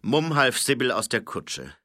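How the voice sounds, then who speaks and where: A man narrating an audiobook with an expressive, dramatic reading. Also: mid-range voice, unhurried, dry recording, studio quality.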